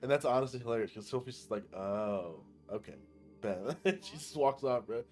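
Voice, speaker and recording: A young man giving an excitable, slangy anime recap, often laughing as he talks. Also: mid-range voice, fast, faint music behind. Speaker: anime reviewer. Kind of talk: casual recap commentary.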